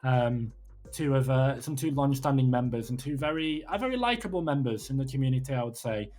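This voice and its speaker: A man casting a live esports match. He gets excitable, swears freely and sounds out of breath after a close finish. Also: mid-range voice, a little fast. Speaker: esports caster.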